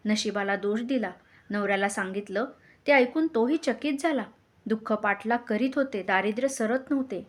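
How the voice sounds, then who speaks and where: A woman storyteller narrating a devotional folk tale in an expressive, measured way. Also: mid-range voice.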